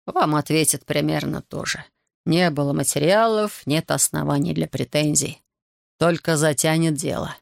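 A man reading as an offended, gravelly investigator. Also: a little high, moderate pace, no room sound, studio quality. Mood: weary, sincere. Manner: offended, argumentative, later weary. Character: indignant middle-aged male investigator, defensive then sympathetic.

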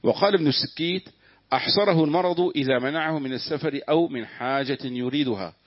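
A man's voice: fairly high pitch, fast talker, no echo. A man reading a classical commentary aloud to his teacher in a lesson. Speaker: student reading the text aloud. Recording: dull lo-fi dry recording.

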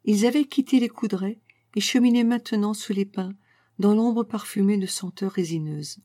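Warm-voiced French audiobook narrator, woman. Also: mid-range voice, moderate pace, dry recording, clean studio sound. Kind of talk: audiobook reading of a classic story.

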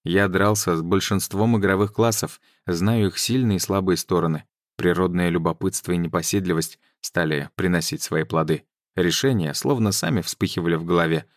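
A man narrating an audiobook in an even, measured reading. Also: low voice, no room sound, clean studio sound. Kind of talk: scripted narration.

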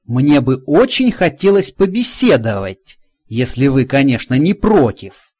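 A man voicing a loud bossy middle-aged woman. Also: mid-range voice, big pitch swings, unhurried, slightly rough. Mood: brusque. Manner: commanding, blunt.

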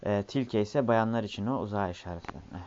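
A man's voice: on the low side, rapid-fire, a little mellow. A man teaching a language lesson, explaining and correcting step by step, recorded on an old worn cassette. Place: recorded class session with a board. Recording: muffled, noisy old cassette tape.

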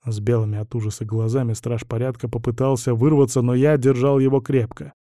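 A man narrating a first-person audiobook in a gruff, blunt, dramatic reading. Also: medium pitch, little pitch movement, a little fast, dark tone, no room sound, studio quality.

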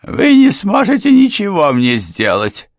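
A man reading an audiobook and voicing a frightened middle-aged woman housekeeper with a high, shrill, tearful voice. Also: sing-song, a little slow, gravelly, dry recording, studio quality, heavily acted. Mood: defensive.

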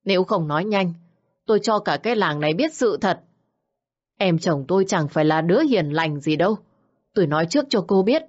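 Lady doing a stern old woman, sharp cold questions, lowish voice, lo-fi sound. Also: lively intonation, a little fast. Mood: angry. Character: stern, wronged older woman.

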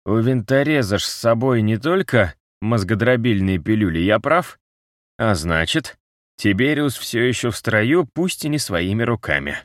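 A man's voice: lowish voice, expressive, normal speed, no echo, studio quality, pitched above the performer's own voice, lightly acted. A man reading an audiobook, voicing a mocking, unrepentant wounded male captive whose broken jaw is wired shut, with a lazy, sneering manner. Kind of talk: audiobook character voice.

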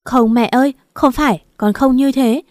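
Woman reader playing a frightened young daughter-in-law, pleading, mellow tone. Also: high voice, fairly even intonation, moderate pace, no room sound, clean studio sound, pitched above the performer's own voice, lightly acted. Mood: pleading, pained. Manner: tearful begging.

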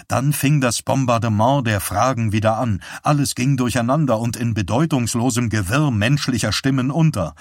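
A man narrating an audiobook in a measured storytelling manner. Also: mid-range voice, no room sound, clean studio sound. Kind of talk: scripted narration.

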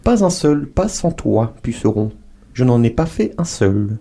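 A man's voice: mid-range voice, big pitch swings, gravelly, dark tone, breathy edge, full character voice. A man voicing a wily, teasing male dromedary who hums and drawls slyly. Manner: sly, chuckling, drawn-out hums.

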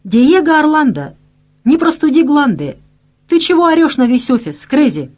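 A woman's voice: sits high, big pitch swings, normal speed, darkish tone, pitched above the performer's own voice. A woman reading an audiobook and voicing a joking young male office worker with a teasing manner. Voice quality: playful, teasing. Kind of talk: audiobook character voice.

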